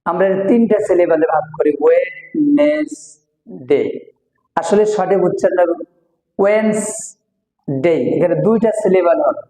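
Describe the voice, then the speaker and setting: A man giving a slow, step-by-step language lesson, repeating words syllable by syllable. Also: sits high, dark tone. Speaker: English teacher. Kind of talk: slow recorded lecture. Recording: echoey room with long reverb.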